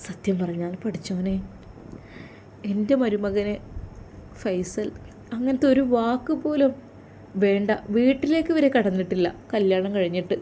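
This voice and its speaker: A woman's voice: mid-range voice, expressive, measured pace, long pauses, mellow, a little hiss or hum, natural voice. A woman with a Malappuram accent voicing a worried, tearful older mother who speaks in a confiding way. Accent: Malappuram Malayalam. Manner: anxious, confiding. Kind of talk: storytelling role-play.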